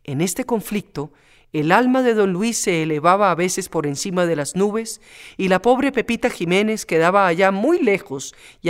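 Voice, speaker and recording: A man reading a storybook aloud in a measured, calm way. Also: sits high, clear, resonant tone. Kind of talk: storybook narration.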